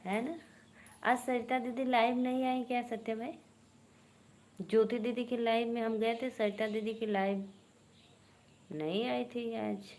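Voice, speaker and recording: A woman's voice: a little high, little pitch movement, unhurried, pauses often, darkish tone, a little hiss or hum. A woman with an Awadhi accent hosting a live stream, chatting casually and teasingly with viewers and greeting them by name.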